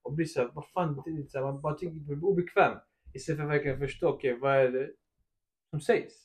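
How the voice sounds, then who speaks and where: A man's voice: on the high side, fairly even intonation. A man talking as a podcast co-host in casual chat, often chiming in with short agreements and retelling stories.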